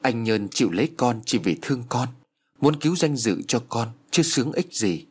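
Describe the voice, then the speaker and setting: A man's voice: mid-range voice, very animated, moderate pace, husky. A man voicing a grave, pleading young village woman in a spoken horror story. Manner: earnest, pleading.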